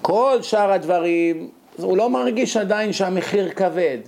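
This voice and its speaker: A man's voice: sits high, gravelly. A middle-aged man giving a storytelling sermon as a rabbi, acting out the characters he quotes. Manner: animated, acts out quoted characters.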